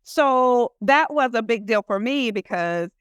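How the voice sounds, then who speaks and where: An American woman entrepreneur, a guest in a casual interview, talks earnestly about her work, rambling and saying "you know" a lot. Her fairly high voice is animated and a little slow, with a clean tone and no echo.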